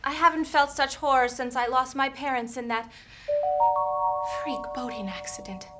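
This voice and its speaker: A woman's voice: high voice, normal speed, music in the background, natural voice. A woman playing a melodramatic damsel in distress in a noir parody, earnest and theatrical. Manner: earnest, theatrical, overdramatic delivery. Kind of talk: noir parody audio drama.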